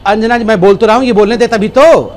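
Sarcastic high-voiced man on a debate panel. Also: quick pace, slight background noise. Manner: mocking, placating, sarcastic. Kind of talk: heated TV debate argument.

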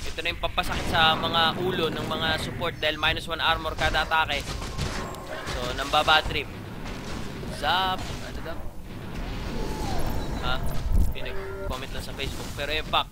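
Excitable Filipino man casting a game. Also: fairly high pitch, normal speed, pauses often. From Philippines. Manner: excitable, frequent loud exclamations. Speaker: game commentator. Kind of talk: live video game commentary. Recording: game sound noise behind the voice. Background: game sounds.

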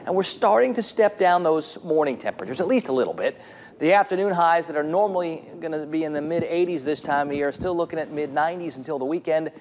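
A man giving a morning TV weather forecast in a relaxed, conversational way. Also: a little high.

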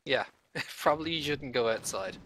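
A man's voice: mid-range voice, lively intonation, moderate pace, a bit bright. A man hosting a casual online game session, chatty and amused, talking through the action as it happens. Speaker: host playing an online game. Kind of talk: casual gaming chat.

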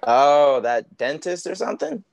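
A woman's voice: deep voice, very animated, unhurried, creaky, a little mellow, full character voice. A woman reading the part of a brash young male drummer at a script read-through. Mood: blunt.

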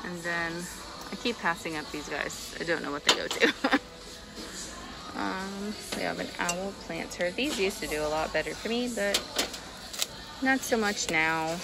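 A woman's voice: lowish voice, measured pace, creaky, pauses often, loud music behind the voice. A woman in her thirties, a vintage reseller, chatting casually through a thrift-store haul, thinking aloud with fillers and small laughs, recorded on a handheld phone in a large store.

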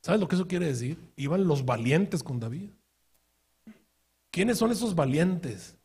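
Husky man, fairly high voice, pastor's sermon, storytelling, rhetorical questions. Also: expressive, a little slow. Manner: shifts from quiet asides to loud shouted outbursts.

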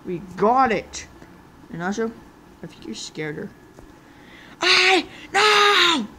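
A woman's voice: expressive, measured pace, a little hiss or hum. Woman voicing a whole plush cast. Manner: jumps between many put-on character voices, squeaky highs and low mutters. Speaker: plush skit performer voicing all characters. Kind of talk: improvised toy skit.

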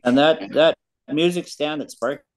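A man chatting casually over a video call whose audio keeps breaking up. He talks haltingly and corrects himself as he goes. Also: fairly high pitch. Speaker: club member calling in. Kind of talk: casual chat.

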